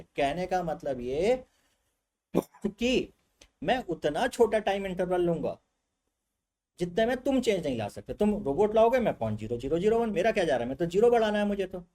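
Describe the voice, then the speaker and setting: An animated male physics teacher giving a classroom lecture. He keeps asking his students rhetorical questions and acts out what they might say, all in a voice pitched a little higher than most men's.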